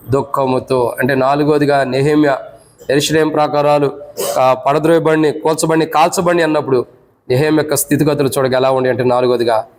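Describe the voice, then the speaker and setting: A man with a Telugu accent and a darkish tone preaches at a church prayer meeting, caught on a rough recording. He teaches through numbered points and questions put to the congregation, and his pitch rises sharply and climbs high when he voices the lament.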